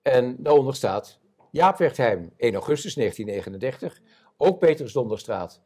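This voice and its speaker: A man in his seventies, an eyewitness telling his war memories in an interview before an audience, animated and acting out the voices of others. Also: mid-range voice, normal speed, slightly rough. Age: 70s. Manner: animated storyteller, acts out quoted voices. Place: stage before a live audience.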